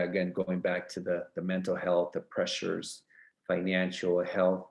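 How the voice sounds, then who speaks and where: A man in his thirties, a real estate coach as a podcast guest, talking earnestly with many fillers. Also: low-pitched. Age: 30s. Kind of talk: casual interview chat. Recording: roomy echo.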